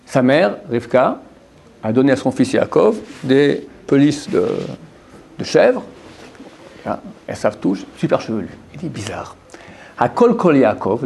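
A man's voice: mid-range voice, vocal fry, darkish tone, husky. A man giving a Torah lesson to a group of men, repeating phrases and putting questions to his listeners. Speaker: Torah teacher.

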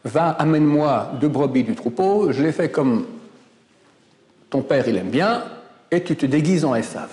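A man's voice: a little high, expressive, measured pace, warm tone. A scheming mother, as a preacher puts her on, urgently instructing her son in a plain voice. She is heard in an echoing hall with a long reverb.

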